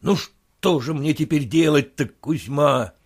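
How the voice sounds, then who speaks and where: A man's voice: fairly high pitch, slow pace, gravelly, slightly rough, exaggerated voice. A man reading aloud, voicing a flustered, indignant middle-aged merchant in a storybook. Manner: agitated, indignant outbursts.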